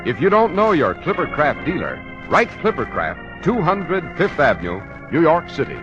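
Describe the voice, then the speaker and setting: A man's voice: a little high, huge pitch swings, moderate pace, highs cut off. An American man announcing and hosting in a polished 1940s radio style. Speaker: announcer and host. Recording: vintage radio broadcast with organ music. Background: organ music.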